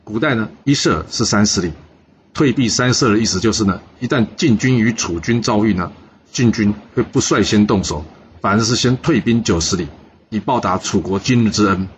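A low-voiced man narrating a historical tale, tossing in chatty asides to the listener as he goes. The recording sounds slightly dull, with faint hiss underneath. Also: normal speed. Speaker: storyteller.

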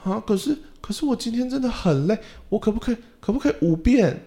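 A man's voice: sits high, lively intonation, fast talker, warm tone, voice pushed up. A man voicing a young, stubborn boy drum student who whines and pleads. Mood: pleading. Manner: whiny, pleading.

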